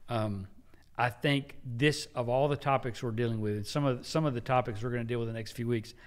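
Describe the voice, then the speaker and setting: A man's voice: medium pitch, a little fast. A man in his forties, a pastor hosting a church talk show, speaking earnestly at a desk mic in a small indoor studio. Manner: earnest, animated gestures, frequent affirming yeahs. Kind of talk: conversational church podcast. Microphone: desk mic on a stand.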